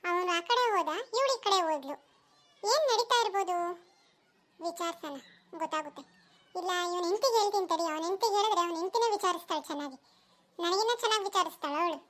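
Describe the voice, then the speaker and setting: A woman's voice: very high voice, expressive, very fast, a bit bright. A woman voicing a curious village busybody in a cartoon, muttering nosily to herself. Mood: nosy.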